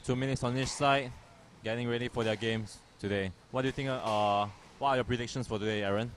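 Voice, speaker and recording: A man's voice: medium pitch, fairly even intonation, a little fast, a little hiss or hum. A man giving easygoing live commentary on a squash match, often asking his co-host questions. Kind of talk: casual live sports commentary.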